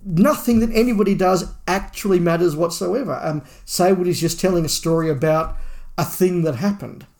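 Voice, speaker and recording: This male podcast co-host speaks at a normal speed in a high, slightly mellow voice. He talks through a book casually but analytically, voicing strong opinions and repeating points for emphasis.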